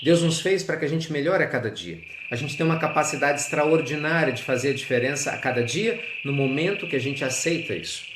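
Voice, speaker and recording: A man giving an earnest, reflective spiritual talk, animated and addressing his listeners directly. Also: medium pitch, noisy background. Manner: earnest, animated, with teaching asides. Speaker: spiritual speaker. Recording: echoey with loud crickets and frogs.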